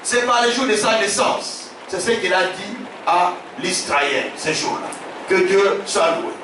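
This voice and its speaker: Bishop preaching loud, really high voice, far off the mic, big echo all round. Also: male voice, unhurried, noisy background. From Africa. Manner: emphatic, repeats phrases, shouts key lines. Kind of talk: sermon. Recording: very echoey hall, distant from the mic.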